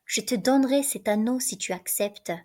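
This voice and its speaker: A doomed young woman speaks in a soft, tired murmur, voiced by a woman reading the play aloud. Her tone stays quiet and worn, in a plain read-aloud manner without staging. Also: on the high side, moderate pace, natural voice. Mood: weary.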